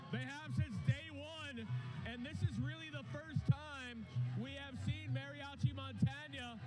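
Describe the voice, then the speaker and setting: Very high-voiced man calling live wrestling. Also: rough recording. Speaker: wrestling commentator. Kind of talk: live wrestling play-by-play commentary. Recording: loud music under live commentary. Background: loud music.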